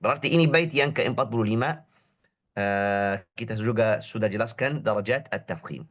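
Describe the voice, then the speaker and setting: A man with a cold teaching a tajweed lesson online, drawing Arabic words out slowly to demonstrate their pronunciation and drilling short syllables again and again. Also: on the low side, fairly bright tone, muffled recording. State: has a cold. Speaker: Quran recitation teacher.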